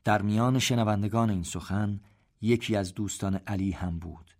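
A man narrating a story in a steady, measured reading voice. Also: lowish voice.

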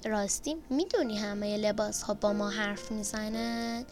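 A woman voicing a gentle, patient mother who calmly explains and praises her daughter. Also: mid-range voice, close to an everyday voice. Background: background music.

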